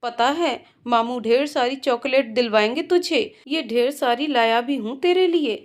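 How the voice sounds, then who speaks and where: A woman voicing a young man who grieves his elder sister, speaking tearfully and pleading in her own high voice. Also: a little slow. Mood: coaxing.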